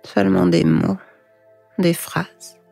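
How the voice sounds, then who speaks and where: A woman guiding sleep hypnosis in a hushed, breathy, soothing voice, slow and whispered right in the listener's ear. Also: on the low side, big pitch swings. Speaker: hypnosis guide. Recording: echoing voice over music. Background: music.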